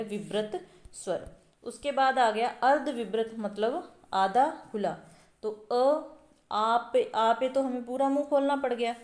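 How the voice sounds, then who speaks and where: A woman's voice: fairly high pitch, a little mellow, roomy sound. A woman teaching an exam-prep lesson, explaining step by step and sounding out vowels aloud. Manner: explanatory, repeats sounds aloud, many fillers.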